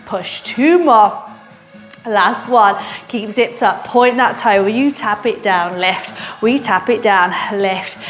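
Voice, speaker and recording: Faint music plays behind a woman with a fairly high voice. She is an aerobics instructor calling out short, counted exercise cues. Her coaching is energetic and encouraging, spoken as she exerts herself through the moves. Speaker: barre fitness instructor. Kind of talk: aerobics instructor cueing a workout with counted commands.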